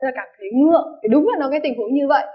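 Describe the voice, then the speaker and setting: In a dull, lo-fi recording, a woman teaching English vocabulary speaks in a high, animated voice at a rapid-fire clip. She piles on examples and frequently checks her students' understanding.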